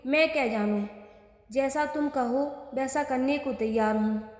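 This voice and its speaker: A woman's voice: sits high, unhurried, a little mellow. A woman voicing a clever, sly young daughter-in-law in a read-aloud folk tale, recorded in an echoey room with a long reverb. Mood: coy.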